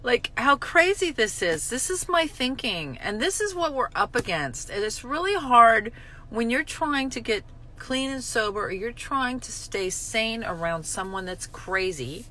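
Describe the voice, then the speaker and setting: A woman's voice: a little high, animated, unhurried, bright, forceful tone. A middle-aged woman talking candidly and bluntly about recovery, self-mocking, swearing now and then, her feelings swinging as she talks. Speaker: recovery vlogger. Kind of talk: candid spoken reflection on a daily reading.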